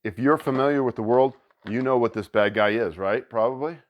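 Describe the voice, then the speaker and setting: A man hosting a board game channel, chatting excitedly as he unboxes a new game and thinks aloud. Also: medium pitch, fairly quick, muffled recording. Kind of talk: casual unboxing commentary.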